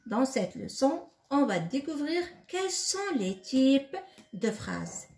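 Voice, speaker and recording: A woman's voice: sits high, sing-song, darkish tone, reverberant. A woman teaching a lesson to young children, asking questions and answering them herself. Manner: slow and repetitive, asks questions then answers them.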